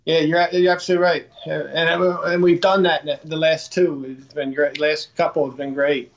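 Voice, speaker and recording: A man guest talking casually in a halting, self-deprecating way, often repeating words. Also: on the high side, level tone, muffled recording. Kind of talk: casual interview talk.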